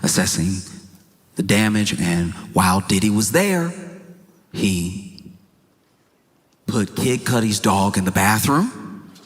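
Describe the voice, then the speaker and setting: A man performing a stand-up comedy monologue, animated and incredulous, with jokey asides. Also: lowish voice, slow pace, long pauses, long reverb tail.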